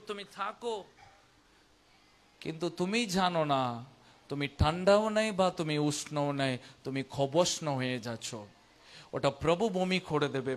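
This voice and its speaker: A man with a very high, fairly bright voice preaches in Bengali with a foreign accent. His first language is something else; he learned Bengali as an adult. Repeated phrases and rhetorical questions drive his exhortations to the listeners.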